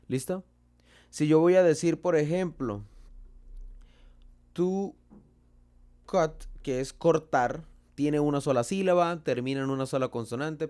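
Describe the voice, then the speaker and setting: A man with a Colombian Spanish accent teaching a lesson, slow and deliberate, asking and answering his own questions. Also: on the high side, a little mellow. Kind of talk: explaining a lesson.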